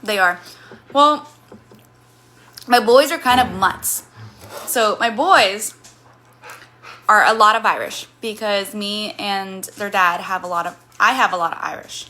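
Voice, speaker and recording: A woman in her thirties from Missouri, USA, with a slight Missouri accent, chats casually on a livestream and answers chat comments in a rambling way. Her mid-range voice has a sharp tone, and she speaks at a measured pace with frequent pauses.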